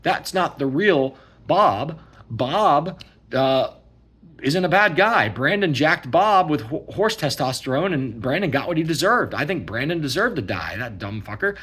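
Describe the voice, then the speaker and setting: Casting: a man doing a blunt juror, a touch higher than his normal voice, husky. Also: sing-song, a little slow, a bit bright, full character voice. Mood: persuaded. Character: adult juror, a man siding with the defendant.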